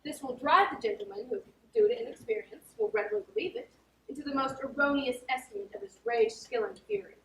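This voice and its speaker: An actress playing a scheming, boisterous noble lady in a live stage play, brisk, commanding and mocking. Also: high-pitched, sing-song, creaky, background noise, heavily acted. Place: theatre stage. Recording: echoey stage from far off, faint ambience.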